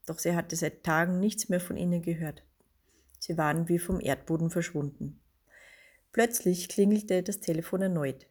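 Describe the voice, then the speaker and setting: A woman reading a story aloud in a calm, measured audiobook narration. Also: lowish voice.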